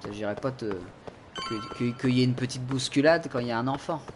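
A man's voice: mid-range voice, brisk, background noise. A man doing let's-play commentary in a joking, sarcastic, rambling manner into a studio condenser mic. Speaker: gaming streamer.

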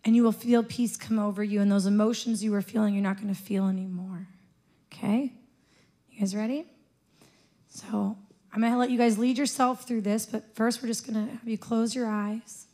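A young woman speaking on a church stage with a handheld mic, gently coaching the congregation through a guided prayer. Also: mid-range voice, fairly even intonation, moderate pace.

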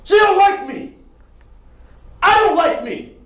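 A man's voice: fairly high pitch, lively intonation, unhurried, a little mellow, echoey room. A man playing a bitter divorced man who is afraid of himself, in an anguished dramatic monologue. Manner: anguished, pleading outbursts.

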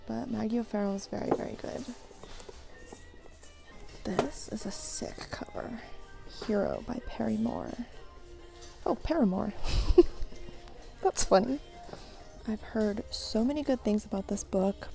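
Mellow, gravelly-voiced woman chatting casually. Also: medium pitch. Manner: chatty, giggly, musing half to herself. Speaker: book vlogger. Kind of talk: casual chat while browsing. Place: indoors in a thrift store.

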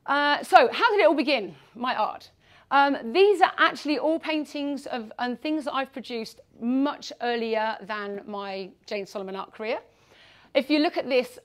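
Recorded on a far camera, a West Country woman from England in her forties delivers a self-mocking, humorous talk to people gathered in a meeting room. The voice is on the high side and a bit bright.

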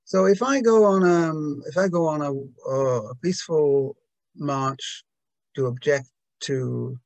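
A man's voice: fairly high pitch, takes it slowly, darkish tone, no room sound, low-quality recording. A man giving a reflective Buddhist talk to a group, hesitant and full of restarts and rhetorical questions.

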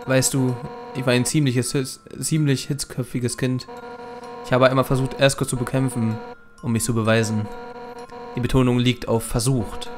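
A man's voice: medium pitch, flat delivery, normal speed, music in the background, lightly acted. A man reading a brash fish warrior captain. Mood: reflective. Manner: boisterous, loud bursts, chuckling. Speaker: Let's Play gamer reading dialogue. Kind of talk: reading game dialogue aloud.

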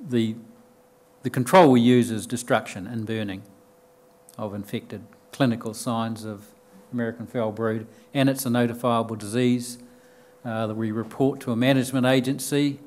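An older man with a New Zealand accent speaks at a podium mic in a room full of listeners. He explains his points plainly in a middle-pitched voice, pausing on ums and restarting his sentences as he goes. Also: steady tone, a little mellow. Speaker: conference speaker. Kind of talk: conference talk. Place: lecture room with bookshelves and audience.

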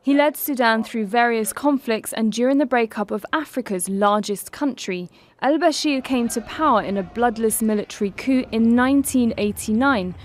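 A woman giving scripted news narration in a crisp, formal manner. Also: fairly high pitch, moderate pace, slight background noise.

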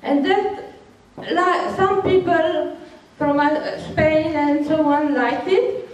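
An older woman with a Hungarian accent and a high voice speaks slowly, answering workshop questions frankly and laughing often. She uses a handheld microphone in a large hall with a seated audience, recorded from far off, so it sounds echoey and crowd noise can be heard.

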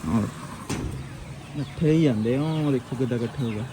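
A man's voice: mid-range voice, moderate pace, background noise. A man with a Punjabi accent chatting casually to camera as a village vlogger outdoors on a family farm, teasing his family and calling out to them. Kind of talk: casual farm vlog chat.

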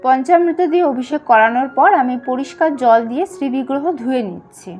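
A woman calmly explaining ritual steps one by one, now and then chanting mantras slowly. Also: sits high, faint music behind. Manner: calm step-by-step explaining, addresses viewers as friends. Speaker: home puja demonstrator. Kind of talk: instructional voice-over.

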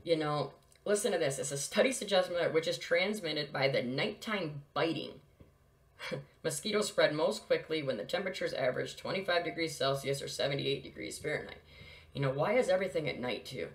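A man's voice: a little high, lively intonation, brisk. A man hosting his own video, reading articles aloud and reacting in an agitated, scornful, repetitive way. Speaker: conspiracy video host.

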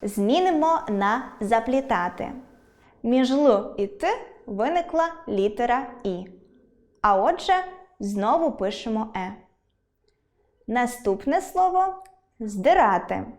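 A woman teacher giving an online school lesson, explaining spelling rules clearly and patiently with examples. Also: fairly high pitch, animated, slow, long pauses.

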